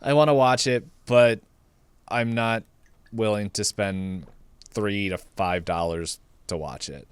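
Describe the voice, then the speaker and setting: Speaking slowly in a smooth voice on the low side, with no echo, this man co-hosts a podcast. He talks casually about movies, retelling things in a jokey way and laughing as he goes.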